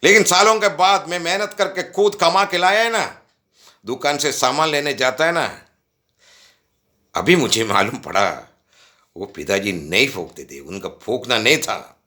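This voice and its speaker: A man's voice: mid-range voice, unhurried. A man giving a devotional message as a story, talking straight to young listeners and acting out the lines of the people in it. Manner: animated, acts out quoted dialogue; addresses young listeners directly.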